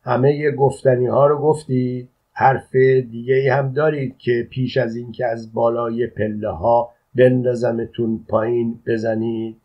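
A man reading an audiobook voices a calm soldier servant who scolds with unruffled, formal politeness. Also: medium pitch, natural voice. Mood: scolding calmly. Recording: dull lo-fi audio.

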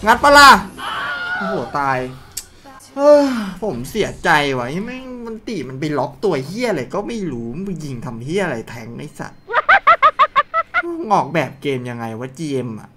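A man calling his own mobile game match, swearing, teasing, and yelling at his teammates. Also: mid-range voice. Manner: loud, crude, joking, shouts at teammates. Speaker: gaming streamer. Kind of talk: excited live game commentary.

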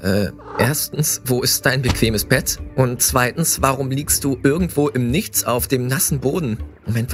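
A man narrating a scripted second-person story in a playful, dramatic way, with excited exclamations. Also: medium pitch. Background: background music.

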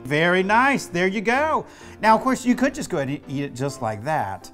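A man's voice: sits high, very animated, normal speed, a bit bright, faint music behind. A middle-aged man hosting a playful kitchen demonstration, giving step-by-step instructions in a teasing, slightly bossy way. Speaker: cooking show host, children's author. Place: home kitchen.

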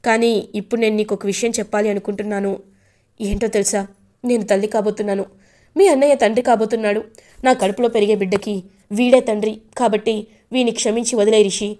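A woman voicing a soft pleading young wife. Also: mid-range voice, steady tone, fast, close to an everyday voice.

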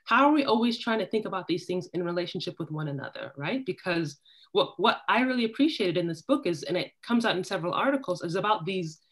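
A woman speaking on a panel over a video call, building her points slowly and tagging them with "right?". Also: fairly low pitch, lively intonation. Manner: thoughtful, tags points with "right?". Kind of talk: academic panel discussion. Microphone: laptop video call.

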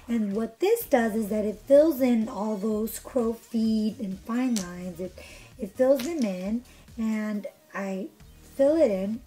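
Filmed by a camera held at arm's length in front of her, a young woman walks through a makeup tutorial in her couch-furnished bedroom, chatty and bubbly with plenty of fillers. She's a little hoarse from feeling unwell, and her voice is on the high side with a dark tone. The audio quality is poor.

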